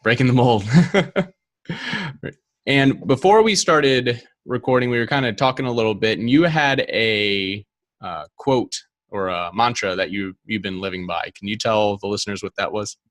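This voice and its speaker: A man's voice: fairly low pitch, unhurried. A man hosting a podcast who interviews his guest in a casual, friendly way and laughs easily. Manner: friendly, relaxed, laughs often. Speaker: podcast host.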